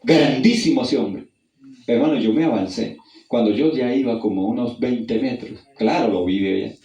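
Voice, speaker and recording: A man preaches an evangelistic sermon at normal speed, telling a personal story, calling listeners brother, and asking them questions. He moves from hushed and low to loud and high when reading scripture, on a muffled, roomy recording from a distant mic.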